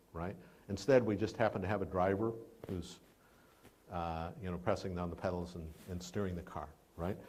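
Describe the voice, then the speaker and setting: A man with a fairly low voice speaks as a keynote presenter at a podium. He explains things step by step in a conversational tone. He often punctuates his points with brief questioning tags to keep listeners following. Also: a little mellow. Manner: explanatory, frequently adding "right?" and "okay?" as check-ins. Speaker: keynote speaker, technology executive.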